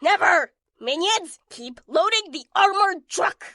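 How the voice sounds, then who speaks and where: A woman's voice: high-pitched, expressive, measured pace, no echo, clean studio sound. A woman voicing a haughty, bossy villain princess in a comedy audio drama, barking orders at her minions. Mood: imperious. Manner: imperious, shouting orders.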